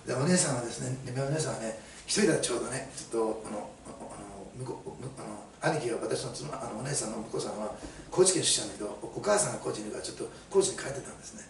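A man's voice: medium pitch, expressive, very fast, vocal fry. A middle-aged man preaching a sermon as a pastor, telling stories chattily with many fillers. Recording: roomy, mic at a distance, faint hiss.

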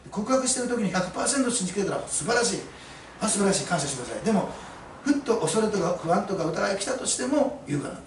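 A man's voice: high-pitched, big pitch swings, fast talker, a little hiss or hum. A male pastor preaching a sermon to his congregation, emphatic and fond of rhetorical questions, recorded in an echoey church hall from a distance. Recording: echoey room, mic at a distance.

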